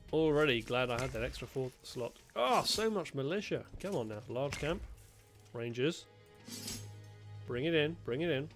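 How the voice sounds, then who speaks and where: A man, a gaming streamer, chatting playfully and sarcastically while he plays a strategy game. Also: mid-range voice. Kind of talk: let's-play commentary. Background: faint game music.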